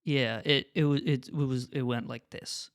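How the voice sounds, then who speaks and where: A man's voice: mid-range voice, fairly even intonation, moderate pace, no room sound, studio quality. A young man co-hosting a podcast in casual chat, who keeps cracking up with laughter in the middle of his sentences. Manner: giggly, keeps breaking into laughter mid-sentence. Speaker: podcast co-host.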